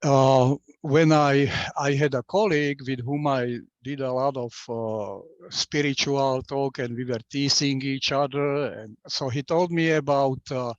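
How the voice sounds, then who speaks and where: A Slovak-accented man in his sixties, a native Slovak speaker, talks as an interview guest in a mid-pitched voice, often hesitating and restarting his sentences. The sound is dull and lo-fi, and the room is dry. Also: fairly even intonation, measured pace, few pauses, no room sound. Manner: hesitant, many fillers and restarts. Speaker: guest, author. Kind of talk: casual interview talk.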